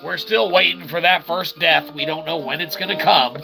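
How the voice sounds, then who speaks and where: A game streamer delivers casual, chatty let's-play commentary, rambling on and punctuating his remarks with "okay" and "all right." His voice is on the high side with vocal fry, at a normal speed, and loud video game music plays behind him.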